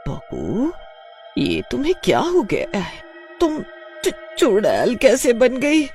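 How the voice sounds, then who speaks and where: A man's voice: fairly high pitch, measured pace, soft background music. A man voicing a fussy, nagging old mother-in-law in a cartoon story, whiny and easily frightened.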